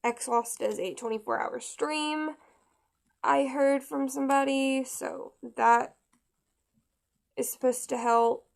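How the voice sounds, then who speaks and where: A woman giving a casual step-by-step craft tutorial, chatty and halting with frequent restarts. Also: sits high, steady tone, gravelly.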